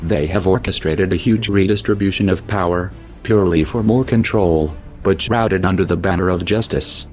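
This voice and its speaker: A man speaking through a disguised deep voice, giving a grave, declamatory scripted manifesto narration. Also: normal speed, few pauses, a little mellow, faint music behind.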